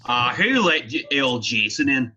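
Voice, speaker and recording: A man with an Irish accent hosting a relaxed online gathering, teasing the guests and laughing often. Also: mid-range voice, measured pace. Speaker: host. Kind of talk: casual joking chat. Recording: slightly dull audio with faint music behind.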